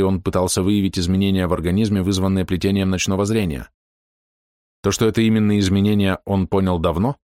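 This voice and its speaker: A man with a low voice narrates an audiobook. His reading is even and steady. The recording is very dry and close. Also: dry recording. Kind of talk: scripted narration.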